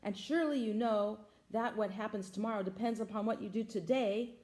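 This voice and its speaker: A woman's voice: medium pitch, fairly quick, a little mellow, close to an everyday voice. A woman voicing a grave anteater parent who reproaches the man. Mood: reproachful.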